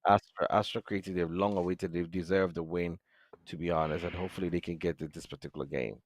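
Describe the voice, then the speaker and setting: A man casting an esports match, with sudden loud bursts of excitement. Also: low-pitched, fast, no room sound. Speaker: esports caster. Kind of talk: play-by-play esports commentary.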